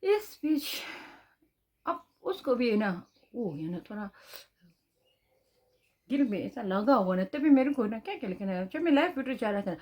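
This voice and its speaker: This vlogger, a Tibetan woman with a Tibetan accent, recounts something personal in a conversational style, echoing her own phrases and tacking questions onto her sentences. Her somewhat high, slightly mellow voice is very animated, moving at a moderate pace with frequent pauses.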